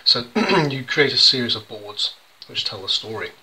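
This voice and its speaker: A man's voice: medium pitch, sing-song, moderate pace, pushed and bright, low-quality recording. Chatty English man explaining his sketches. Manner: chatty, many ums and restarts. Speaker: children's poet and illustrator. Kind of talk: casual explanatory demonstration.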